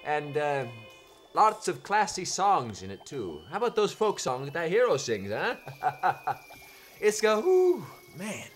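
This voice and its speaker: A man's voice: a little high, huge pitch swings, slow pace, soft background music. A man hosting horror movies in a campy comedy style, hammy and giggling between his lines.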